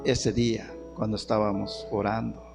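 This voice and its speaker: A man's voice: on the low side, level tone, moderate pace, gravelly, long reverb tail, over music. A man preaching a sermon, calling on the congregation as brothers and repeating phrases for emphasis.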